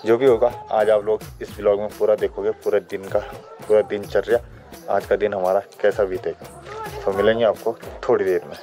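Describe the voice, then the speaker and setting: Warm in tone, fairly quick, and lowish with little pitch movement, a young man from Uttarakhand, India, banters with his audience. His casual vlog is set in a village house kitchen and stone courtyard, music sitting under the voice.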